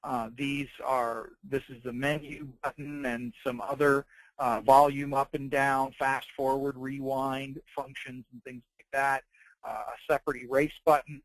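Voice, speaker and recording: A man presenting an informal product tutorial, explaining things in a halting, piecemeal way. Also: mid-range voice, flat delivery, no echo, low-quality recording. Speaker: presenter demonstrating dictation devices and software. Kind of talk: informal product tutorial narrated over slides.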